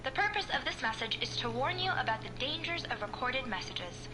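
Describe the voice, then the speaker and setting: A woman's voice: sits high, big pitch swings, fairly quick, music in the background. A woman playing a polite, impersonal announcer of a recorded phone message in a video game, speaking formally. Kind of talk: scripted announcement.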